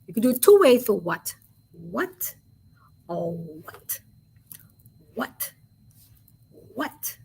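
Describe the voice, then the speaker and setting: A woman teaching sign language in an online webinar, patiently repeating each word softly as she shows the signs. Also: mid-range voice, husky.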